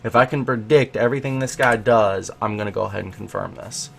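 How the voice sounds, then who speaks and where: A man's voice: on the low side, fairly quick, vocal fry, a little hiss or hum. A man hosting a casual commentary on a game replay, thinking aloud as he checks what the player does. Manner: thinks aloud, grows excited at findings. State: has the hiccups. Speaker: host analyzing a match replay.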